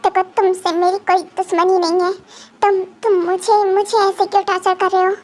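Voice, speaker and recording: A woman's voice: very high voice, flat delivery, brisk, darkish tone. A woman voicing a terrified male captive in a fan dub drama, stammering, crying and begging for mercy. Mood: terrified pleading.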